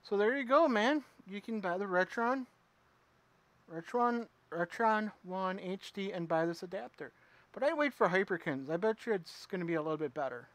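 A man streaming himself playing a retro game, chatting with viewers and reacting out loud as he plays. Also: high voice, expressive, moderate pace, no room sound. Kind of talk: casual live gameplay commentary.

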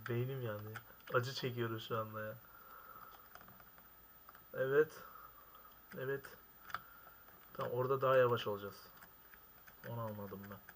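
Young male gamer, mid-pitched, exasperated and complaining at the screen over keyboard clatter. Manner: exasperated, complaining loudly at the game. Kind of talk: frustrated gaming commentary. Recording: keyboard clicks and noise behind. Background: keyboard typing.

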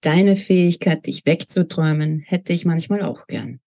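A woman's voice: low voice, moderate pace, gravelly, mellow. A woman voicing a stern, weary man in a read-aloud novel, with a dry, grumbling way of talking.

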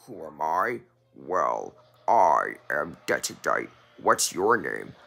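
A fan drops low to play a sinister dark twin of a masked knight, slow and plotting, with a breathy edge. He sounds scheming in a homemade fan cartoon. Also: very animated, soft background music, exaggerated voice.

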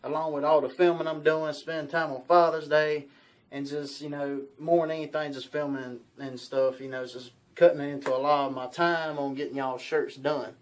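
A young man with a drawl chats loosely to his camera in a small bedroom, folksy and prone to repeating himself. His voice sits a touch high for a man, close to the camera mic. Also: steady tone, normal speed. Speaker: outdoors channel host. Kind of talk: casual vlog talk to camera.

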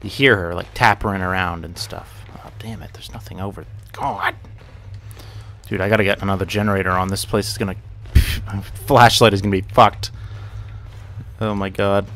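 A young man hosts a horror game let's play, casually narrating with rambling, swearing and self-muttering, plus yelps and curses at jump scares. He has a low, fairly bright voice with fairly even intonation and a moderate pace.

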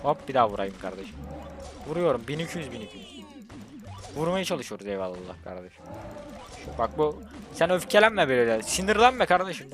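A man from Turkey giving casual, jokey commentary on a mobile game, talking excitedly to the game and his teammates. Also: medium pitch, brisk, long pauses. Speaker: mobile gaming youtuber. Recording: voice over loud game music.

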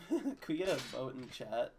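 A male streamer chatting casually while playing a horror game, swearing freely, laughing often, swinging between mutters and loud outbursts. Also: mid-range voice, creaky, slight background noise. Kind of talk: casual gaming chat.

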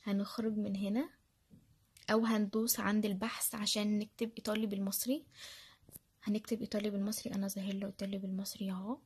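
A woman's voice: medium pitch, little pitch movement, fast talker, a little mellow, breathy edge. A woman with an Egyptian accent walking viewers through how she studies, chatty and full of fillers. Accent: Egyptian Arabic. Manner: chatty, repeats phrases, many fillers. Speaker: language learner sharing study tips. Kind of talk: casual screen-share tutorial.

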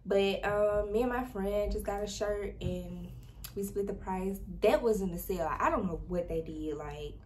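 A woman's voice: medium pitch, normal speed, darkish tone. Chatty young woman, noisy recording. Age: young adult. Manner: chatty, informal, talks straight to viewers. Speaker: vlogger. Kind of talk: casual haul vlog chat. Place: small indoor bedroom. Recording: noisy background hiss.

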